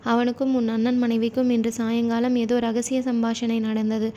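Woman reading a gentle young man. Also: very high voice, monotone, normal speed, a little hiss or hum. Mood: earnest.

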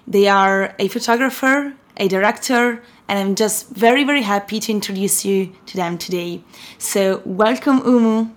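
A woman's voice: mid-range voice, normal speed. A woman hosting an interview, asking friendly, curious questions. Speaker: host.

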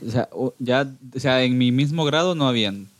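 An animated, medium-pitched man in his thirties, a Guatemalan band singer with a matching Spanish accent, talks at normal speed as a podcast guest in easygoing conversation. He laughs frequently and keeps hesitating and restarting, and there is no room sound.

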